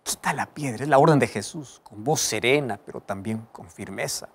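A man preaching a sermon, swinging between loud exclamations and hushed, whispered lines. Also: medium pitch, moderate pace, breathy edge.

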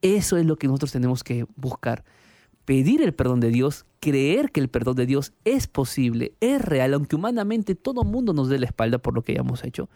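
Mellow-voiced earnest male pastor. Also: mid-range voice, very animated, normal speed, dry recording, clean studio sound. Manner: earnest, emphatic storytelling. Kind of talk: preaching testimony.

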